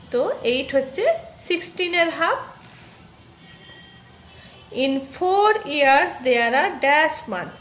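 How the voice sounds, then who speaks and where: A woman teacher working through a children's math worksheet, slowly reading each question in English, then explaining the answer in Bengali. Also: high voice, fairly bright tone, roomy sound, slight background noise.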